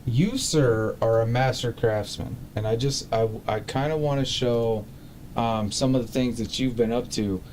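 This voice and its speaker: A man hosting a casual interview chat, upbeat and full of praise and shout-outs. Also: medium pitch, a little slow, a little hiss or hum. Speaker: host.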